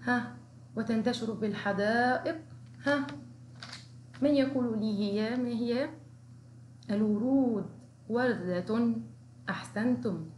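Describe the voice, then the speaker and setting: A woman teaching young children to write, praising often and slowly sounding out syllables and letter marks. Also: a little high, a little mellow, echoey room, slight background noise. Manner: encouraging, slow, sounds out syllables. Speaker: kindergarten teacher. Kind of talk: recorded Arabic writing lesson for young children.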